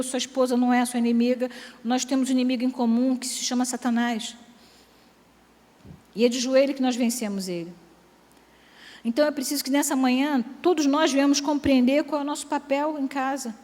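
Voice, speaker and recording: Woman preacher, humorous sermon, higher voice, echoing church hall. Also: darkish tone. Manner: humorous, acts out quoted voices. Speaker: church speaker. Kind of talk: sermon with jokes.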